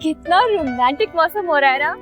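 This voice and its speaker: A spoiled young wife in a TV drama with a very high, lively voice that jumps around. She is demanding and dramatic, slips in English words, and there is music under her. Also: fairly quick. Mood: fussy. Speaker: newlywed wife. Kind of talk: TV drama acting.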